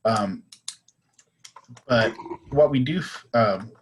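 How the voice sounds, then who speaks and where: A man's voice: medium pitch, slow pace, a little hiss or hum, poor audio. A man with a Southern US accent talking in a casual panel discussion, hesitant and full of fillers and restarts.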